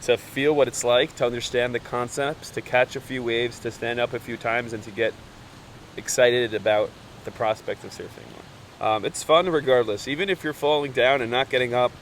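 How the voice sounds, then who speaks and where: A man's voice: medium pitch, fairly even intonation, normal speed, a bit bright, a little hiss or hum, rough recording. A man chatting casually outdoors, easygoing and giving friendly advice. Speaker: guest surfer. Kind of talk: casual chat.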